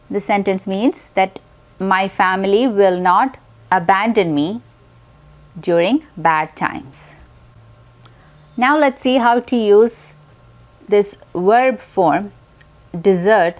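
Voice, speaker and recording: A woman's voice: mid-range voice, darkish tone. A woman teaching an English vocabulary lesson, explaining words carefully with example sentences and spelling them out letter by letter.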